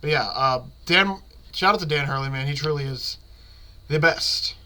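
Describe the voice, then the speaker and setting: A man with a higher-leaning, sharp-toned voice talks at a moderate pace while hosting a laid-back solo sports podcast. He's sick, so he sounds stuffed up, with a blocked nose and a phlegmy throat, and he rambles in a slangy way.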